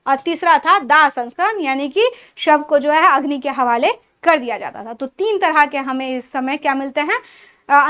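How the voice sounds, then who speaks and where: A high-pitched woman teaching an exam-prep history class. She explains each point step by step, poses questions to her students and answers them herself, and runs through long lists item by item. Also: a bit bright. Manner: lists items one by one.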